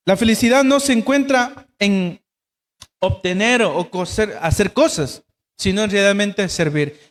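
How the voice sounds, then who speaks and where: A man's voice: high-pitched, in a large hall. A man preaching a sermon as pastor, asking his congregation rhetorical questions. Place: church.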